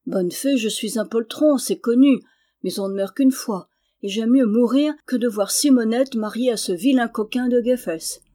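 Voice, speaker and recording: A woman's voice: a little high, normal speed, warm tone, natural voice. A woman reading the part of a timid young peasant man, pleading and earnest but stubborn. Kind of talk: audiobook character voice.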